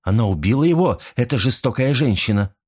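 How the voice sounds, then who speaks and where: A man voicing a polite young woman who grows sharp and indignant, in a storybook reading. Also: mid-range voice, animated, brisk, slightly rough, pitched above the performer's own voice. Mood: indignant, furious.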